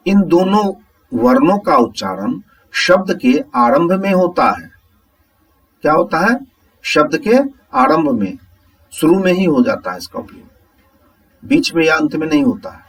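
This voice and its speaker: A man teaching a Hindi grammar lesson, explaining slowly step by step and asking the viewers whether it is clear. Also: fairly high pitch, sing-song, far from the mic, low-quality recording.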